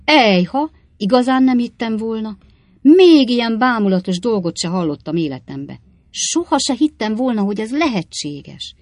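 A woman's voice: lowish voice, few pauses, no echo, studio quality, natural voice. A woman doing a jolly old innkeeper marveling aloud. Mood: amazed. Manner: loud astonished exclamations. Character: jolly old male innkeeper, easily amazed.

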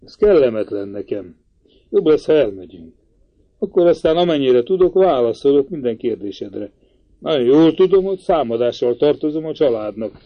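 A weary, composed man speaks calmly and with restraint, voiced by a male reader. It is an audiobook on a slightly dull recording. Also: medium pitch, natural voice. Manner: subdued, calm.

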